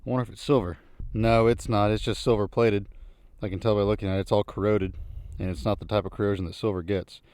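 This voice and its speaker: A man with a fairly low voice talks quickly through a casual outdoor vlog. He is folksy and muses aloud as he works. The sound is dry and close, with no echo. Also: steady tone, darkish tone, smooth. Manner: folksy, thinking aloud, musing. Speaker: vlogger narrating a treasure hunt. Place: outdoors in an old junkyard.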